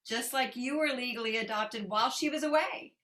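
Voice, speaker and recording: Bright-voiced woman hosting an interview. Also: a little high, brisk. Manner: attentive, affirming listener. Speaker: interview host. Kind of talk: conversational interview.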